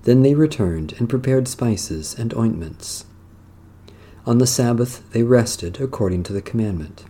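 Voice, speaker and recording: A man leading worship as clergy, reading prayers and scripture in a solemn, measured, declamatory way. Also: medium pitch, lively intonation, warm tone, husky.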